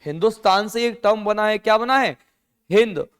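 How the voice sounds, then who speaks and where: High-voiced man teaching a class. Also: normal speed, a bit bright, clean tone. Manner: asks the class questions and answers them himself; mixes English words into Hindi. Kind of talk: classroom lecture.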